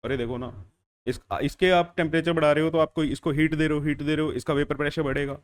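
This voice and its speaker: A young man with a slightly high, steady voice talks fast while teaching chemistry in a classroom lecture. He poses questions and answers them himself, repeats key phrases, and addresses students as "beta" and "bhaiya."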